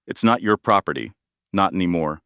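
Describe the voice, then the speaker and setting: A cold, commanding businesswoman speaks with calm authority, read by a man in his own deep voice. Each word is measured and steady. The sound is dry and close, with no room around it. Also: clean tone, no echo, heavily acted. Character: cold, commanding woman executive taking revenge.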